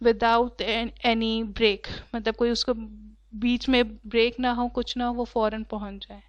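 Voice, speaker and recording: A woman teacher explaining an English textbook story. She reads each English line slowly, then explains it at length with many fillers. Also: a little high, flat delivery, no echo. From Pakistan. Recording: dull lo-fi dry recording.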